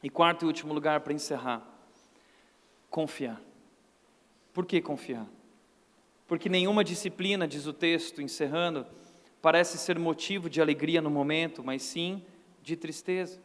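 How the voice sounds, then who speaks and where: Brazilian pastor, light high voice, lively joking sermon, echoey church hall. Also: male voice, normal speed, long pauses. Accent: Brazilian Portuguese. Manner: humorous, animated storytelling.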